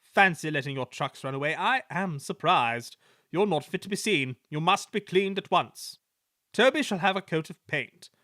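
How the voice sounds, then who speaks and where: A man's voice: fairly high pitch, animated, normal speed, sharp tone, no room sound, clean studio sound, voice pushed up. A man voicing a stern, authoritative male railway boss who speaks firmly and scolds, in a storybook reading.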